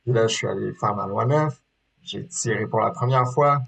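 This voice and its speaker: This man's voice is on the low side yet fairly bright, gravelly with a breathy edge, and he speaks at a moderate pace. In his thirties and from Quebec, Canada, he's a sport shooter with a Québécois French accent, talking casually as an interview guest while hesitating through many fillers and restarts.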